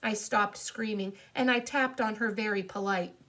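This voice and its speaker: A woman's voice: medium pitch, steady tone, moderate pace, a bit bright. A woman narrating a children's audiobook in a playful, childlike storytelling voice.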